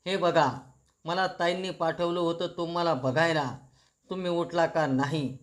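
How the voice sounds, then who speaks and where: A man's voice: a little high, fairly even intonation, measured pace, lightly acted. A man voicing a meddling aunt who talks eagerly and defensively.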